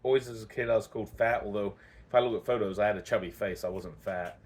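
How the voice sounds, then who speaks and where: A man's voice: lowish voice, quick pace, a little mellow. A man telling his own story casually as a vlogger, candid and rambling, often correcting himself as he goes.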